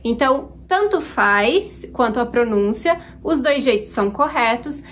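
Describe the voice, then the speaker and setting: A woman from Brazil with a Minas Gerais accent, explaining Portuguese grammar clearly as a teacher answering viewer questions. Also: a little high, animated, a little slow, fairly bright tone, slight background noise.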